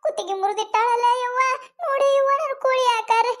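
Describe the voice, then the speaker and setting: A woman's voice: very high-pitched, fairly quick. A woman voicing a quarrelsome village woman in a cartoon comedy, mourning her stolen hen, cursing and accusing in a North Karnataka accent. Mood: lamenting. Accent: North Karnataka Kannada.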